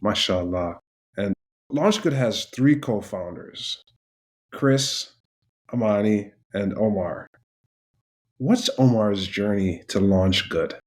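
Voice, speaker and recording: Male podcast host, lowish voice, measured delivery. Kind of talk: podcast interview.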